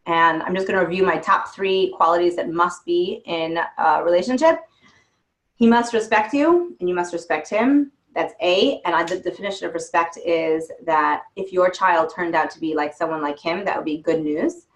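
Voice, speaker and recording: Frank woman dating coach, lowish voice. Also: normal speed. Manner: frank, reassuring, shares personal stories. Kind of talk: advice talk answering questions.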